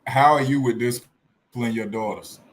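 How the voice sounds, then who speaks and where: A man's voice: medium pitch, normal speed. Man, podcast host, easygoing, self-mocking, faint background hiss. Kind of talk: casual chat.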